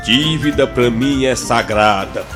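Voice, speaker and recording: A man voicing a slow, drawling, mock-solemn character who gives the thought of the day. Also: mid-range voice, over music, natural voice.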